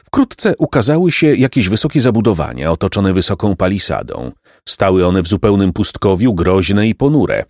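Man reading a story with wild pitch swings. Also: normal speed, no echo, studio quality. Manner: expressive, dramatic reading. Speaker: narrator.

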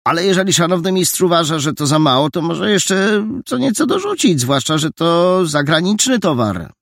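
A man's voice: on the high side, very animated, dry recording, studio quality, voice pushed up. A man doing a cheeky, chatty teenage boy. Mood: sly, cheerful. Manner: bright, quick, salesman-like patter.

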